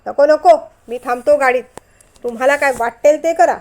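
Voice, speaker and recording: A woman doing a stubborn, gruff older man. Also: high-pitched, normal speed, natural voice. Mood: irritated. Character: stubborn irritable older man, a proud father.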